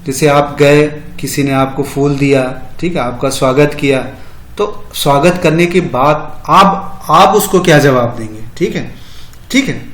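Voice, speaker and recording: A man teaching beginner English in a slow, deliberate way, with a voice set a little high for a man. He gives each phrase in Hindi, then repeats the English version again and again, often stopping with "ठीक है". The room is echoey and reverberant. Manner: frequent "ठीक है" fillers. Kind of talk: spoken English lesson.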